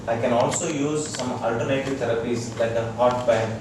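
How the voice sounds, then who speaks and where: In a very echoey room, a distant microphone records a mid-range, steady-toned voice over loud noise. The speaker, a doctor with an Indian accent, gives a small audience an informal wellness lecture, halting as he explains and checking they follow along.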